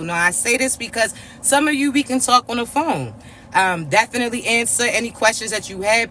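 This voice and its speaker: A spiritual reader and coach gives a reading to his viewers, preaching slowly and repetitively and often checking in with "all right?" His voice is raspy, congested, and stuffy-nosed, high-pitched with a sharp tone, and there's slight background noise.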